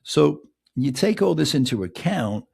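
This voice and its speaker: A man's voice: on the high side, sing-song, measured pace, vocal fry, darkish tone, slightly rough. A middle-aged man from England, hosting a podcast in a casual, joking, self-mocking monologue full of rhetorical questions. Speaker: podcast host.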